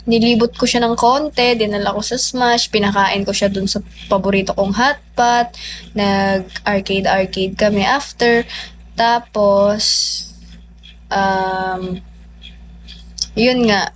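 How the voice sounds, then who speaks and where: A young woman livestreaming, telling a personal story in a chatty, animated way with lots of fillers. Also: medium pitch, slow, pauses often, noisy background. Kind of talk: casual storytelling.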